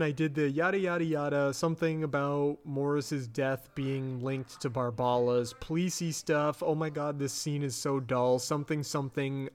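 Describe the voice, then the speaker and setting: A man co-hosting a podcast, casually recapping a TV episode and acting out the characters' lines. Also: medium pitch. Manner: animated retelling, acting out quotes. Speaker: podcast co-host.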